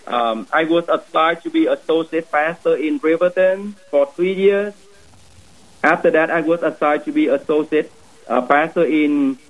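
A man's voice: a little high, low-quality recording. A man in his thirties from Vietnam, a priest speaking English with a Vietnamese accent, earnestly telling his vocation story.

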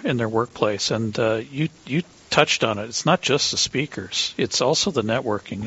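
A man giving an earnest, measured interview answer as a business-owner guest, pausing between phrases. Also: mid-range voice, creaky, a bit bright, husky. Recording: dull band-limited radio sound.

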